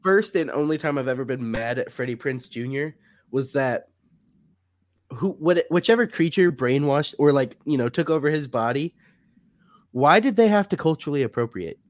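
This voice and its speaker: Animated voice in casual movie chat. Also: medium pitch, normal speed. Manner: animated, quotes and imitates movie characters.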